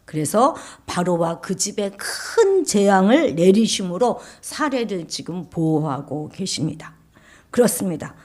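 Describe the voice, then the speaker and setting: A middle-aged woman pastor delivering a sermon, swinging between loud, emphatic declarations and hushed near-whispers, and acting out the voices of critics. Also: medium pitch, sing-song, measured pace. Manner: acts out quoted voices of critics and of God.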